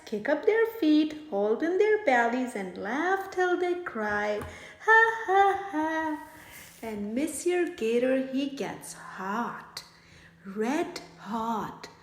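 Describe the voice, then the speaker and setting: A woman reading a bedtime story aloud in an animated, dramatic way. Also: high voice. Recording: echoey room.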